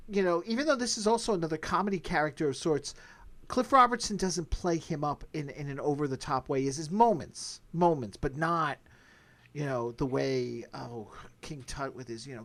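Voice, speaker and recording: Casual and rambling, a middle-aged podcast host talks animatedly in a slightly high voice. He keeps a moderate pace throughout the discussion.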